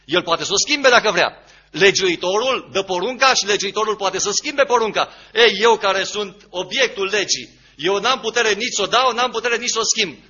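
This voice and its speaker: A man's voice: high-pitched, bright, forceful tone, husky, highs cut off. A man preaching a sermon, emphatic, repeating key phrases and asking rhetorical questions.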